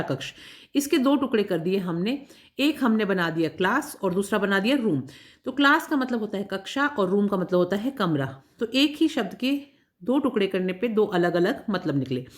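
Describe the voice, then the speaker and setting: A woman's voice: mid-range voice, expressive, moderate pace. A woman teacher taking schoolchildren through a workbook lesson, patiently spelling words out letter by letter and checking they follow along. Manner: addresses children directly, checking understanding. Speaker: English teacher.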